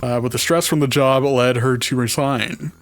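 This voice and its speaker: A man's voice: medium pitch, steady tone, moderate pace, soft background music. Man reading game text aloud. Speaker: let's play player.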